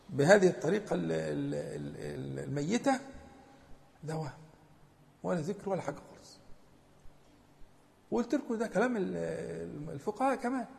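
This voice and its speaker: An Egyptian man teaches a religious lesson in a big hall, and his voice rings with long reverb. His pitch sits a little high and jumps around a lot, with a gravelly edge. He speaks with emphasis and often stumbles into restarts. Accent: Egyptian Arabic. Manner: lively and emphatic, with many stammered restarts.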